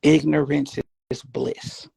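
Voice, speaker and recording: A man's voice: on the high side, flat delivery, slow pace, vocal fry, darkish tone, husky, dry recording, studio quality. A man giving a rambling, preachy casual monologue, now and then dropping to a whisper.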